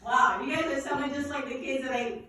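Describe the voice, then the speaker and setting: A woman from Guyana, giving an energetic money seminar at a church and drawing responses from the audience. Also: high voice, brisk, slight background noise. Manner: energetic, asks the audience questions, preacherly. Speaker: finance educator speaking at a church event. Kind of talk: live seminar talk with audience call-and-response. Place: large echoey church hall. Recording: echoey hall from far off.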